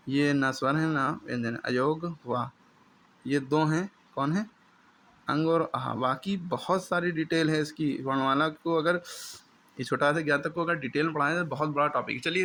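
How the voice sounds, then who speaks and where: A man's voice: a little high, fairly bright tone, a little hiss or hum. A man teaching the alphabet in a classroom lesson, explaining patiently step by step and drilling each sound for a pupil to repeat.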